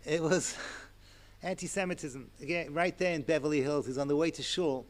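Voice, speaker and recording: Man in his sixties, Torah lecture, animated asides, fairly high-pitched. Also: normal speed. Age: 60s. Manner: animated, chatty, with asides and chuckles. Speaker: rabbi and lecturer.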